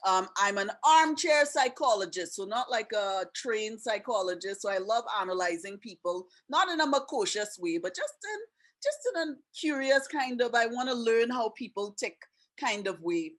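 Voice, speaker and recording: A woman's voice: a little high, lively intonation, normal speed, fairly bright tone. Trini-canadian lady running a zoom webinar, chatty, lots of "right?" asides, computer mic sound. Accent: Trinidadian with a Canadian tinge. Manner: chatty, friendly, explains with many asides and 'right?' tags. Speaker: webinar host and teacher. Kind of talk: casual online webinar presentation.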